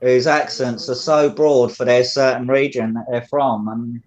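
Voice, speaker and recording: A man's voice: mid-range voice, steady tone, unhurried, darkish tone, lo-fi sound. A man with a London accent, chatting casually over a phone and rambling with lots of fillers. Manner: rambling, many fillers like "it's like". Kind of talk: casual chat.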